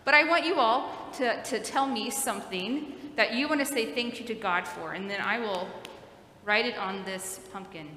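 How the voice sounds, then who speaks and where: A woman's voice: on the high side, normal speed, bright, forceful tone, a little hiss or hum. A woman pastor speaking sweetly and patiently in simple phrases, like a Sunday school teacher giving a children's sermon in church. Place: large indoor church sanctuary. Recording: echoey church hall with long reverb.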